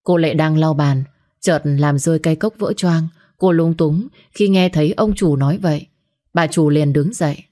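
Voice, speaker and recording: A woman's voice: low-pitched, normal speed, warm tone. A woman narrating an audio story and voicing every character herself.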